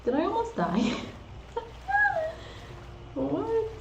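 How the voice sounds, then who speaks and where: A woman's voice: very high voice, sing-song, drawn-out words, creaky, a little mellow, slight background noise. A woman gaming streamer giving casual gameplay commentary, chatty and giggly as she thinks aloud. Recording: roomy, dull sound with game music.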